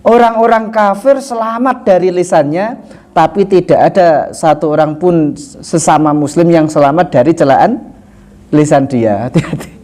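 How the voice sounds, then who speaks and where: A man teaching a religious lesson in a relaxed, conversational way, with rhetorical questions, frequent chuckles and slowly recited Arabic lines. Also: a little high. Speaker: Islamic teacher. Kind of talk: sermon.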